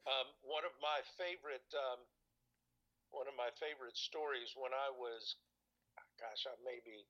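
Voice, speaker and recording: A man telling stories in casual conversation, often pausing and searching for words. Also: mid-range voice, fairly even intonation, pushed and bright, lo-fi sound. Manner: rambling, hesitant, searches for words. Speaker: guest recalling church experiences.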